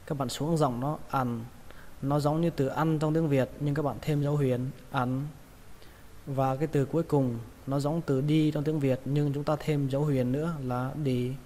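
A man's voice: a little high, fairly even intonation, moderate pace, few pauses, dark tone. A man with a Vietnamese accent teaching English pronunciation, patiently repeating each word. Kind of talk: pronunciation lesson. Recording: long reverb, faint ambient noise.

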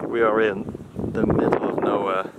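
A man's voice: on the low side, flat delivery, moderate pace, very noisy. A man exploring the countryside, making casual, matter-of-fact remarks on location.

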